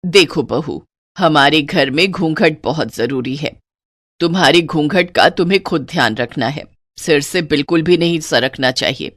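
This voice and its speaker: A woman's voice: low-pitched, moderate pace, no room sound, clean studio sound, voice pushed down. A woman voicing a strict, old-fashioned older mother-in-law in a cartoon story, scolding and commanding her daughters-in-law. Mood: stern.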